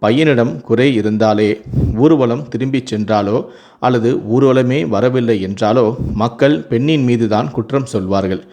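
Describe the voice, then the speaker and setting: A tearful middle-aged mother begging her daughter, read by a male storyteller. She speaks softly and heavily, a touch lower than the surrounding narration. Plain storybook telling. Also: normal speed, close to an everyday voice. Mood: pleading. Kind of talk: storybook reading.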